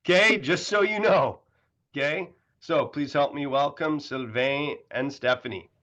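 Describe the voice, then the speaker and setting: A man speaks from the stage as the event host. His voice is bright and forceful, and the recording is a little dull and muffled. He talks in an animated way and often checks in with the crowd with "right?" and "okay?". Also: on the high side, unhurried. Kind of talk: stage speech introducing honorees.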